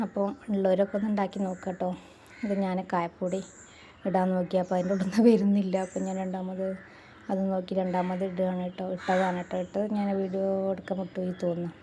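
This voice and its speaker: A middle-aged woman chats through a home cooking voice-over, often dropping in friendly tag words. Her voice is mellow and stays fairly level in pitch, with a faint hiss of noise underneath. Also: monotone, quick pace. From Malappuram, Kerala. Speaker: cooking channel host.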